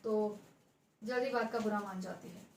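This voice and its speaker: A woman's voice: medium pitch, fairly even intonation, normal speed, darkish tone, slight background noise. A woman teacher explaining a Hindi play, rephrasing hard words and mixing in English terms, recorded in a room with an echo. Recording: roomy echo.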